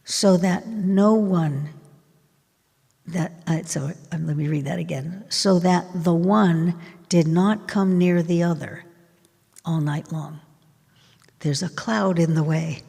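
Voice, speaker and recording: A woman reading scripture aloud and explaining it, with chatty asides, tag questions and soft laughs. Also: lowish voice, gravelly, long reverb tail. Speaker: bible teacher.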